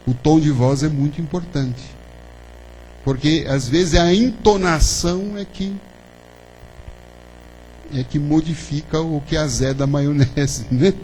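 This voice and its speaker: A man speaks at a measured pace with long pauses, his fairly high voice darkish in tone, delivering a conversational spiritist lecture peppered with questions for listeners and the tag "né?". It takes place in a spiritist center's lecture hall, and the poor audio carries a faint hum behind his words.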